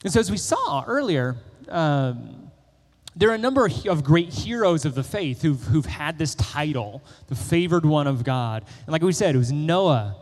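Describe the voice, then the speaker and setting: Young pastor, male, casual sermon delivery with lots of fillers, higher-pitched voice, reverberant sanctuary sound. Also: moderate pace. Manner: conversational, animated storytelling with many fillers. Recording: long reverb of a church hall.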